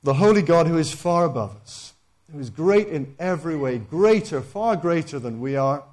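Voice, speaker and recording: Emphatic preacher, a man, fairly high voice. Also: animated, normal speed, a little mellow. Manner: emphatic, repeats key phrases, frequent restarts. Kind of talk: sermon.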